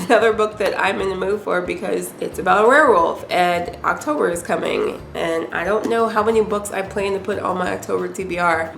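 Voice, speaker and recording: A woman's voice: medium pitch, creaky, a bit bright. A woman with a cold, chatting casually and upbeat about the books she bought, sometimes unsure how to say a name. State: sick with a cold. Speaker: book vlogger. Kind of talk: casual book haul talk. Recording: echoey room, faint ambient noise.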